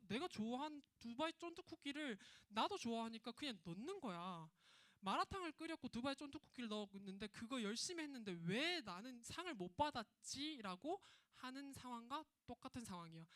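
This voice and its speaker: A woman's voice: a little high, fairly bright tone, dry recording. A woman from the Gyeongsang region giving a children's sermon, asking the kids questions and acting out the voices of Bible figures. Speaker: children's ministry preacher. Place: church children's worship room.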